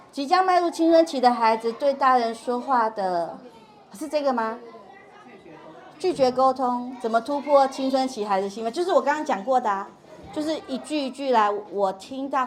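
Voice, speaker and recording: Lady teaching a parents workshop, kinda high voice, acts out the kid lines. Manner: animated, acts out quoted dialogue in a higher voice. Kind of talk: parent education lecture with Q&A.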